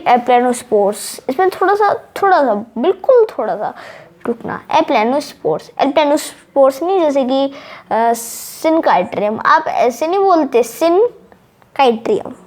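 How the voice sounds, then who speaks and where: A woman's voice: high voice, big pitch swings, a little slow. A woman giving a casual online lesson, repeating key terms over and over as she drills their pronunciation. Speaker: teacher.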